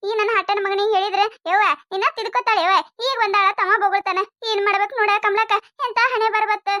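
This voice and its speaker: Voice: level tone, quick pace, sharp tone, no echo, clean studio sound. A voice actor playing a scolding older village mother-in-law with a North Karnataka accent in a cartoon comedy. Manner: scolding, nagging, shrill.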